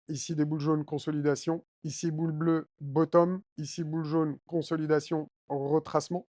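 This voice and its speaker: A man with a fairly high voice walks his viewers through a price chart in a relaxed, filler-heavy way, often checking in with them. His voice is recorded close and dry, with almost no room sound. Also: no room sound. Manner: addresses viewers directly with frequent d'accord and hein. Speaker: crypto trading YouTuber. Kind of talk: chart analysis walkthrough.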